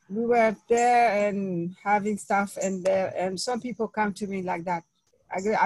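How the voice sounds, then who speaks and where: A woman in a study circle telling an anecdote on a video call, animated, with non-native grammar, laughing at her own story. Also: medium pitch, no room sound, rough recording.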